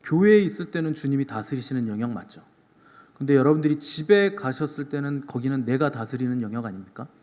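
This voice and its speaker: A male pastor preaching a Sunday sermon, swinging between loud emphatic peaks and soft low asides and putting rhetorical questions to the congregation. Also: lively intonation, fast, big-room sound. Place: church sanctuary.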